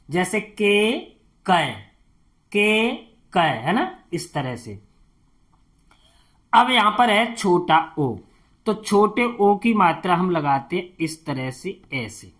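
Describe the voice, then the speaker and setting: A woman teaching the Hindi alphabet step by step, patiently repeating each sound and often checking with the listener. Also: on the low side. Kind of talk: slow step-by-step alphabet lesson.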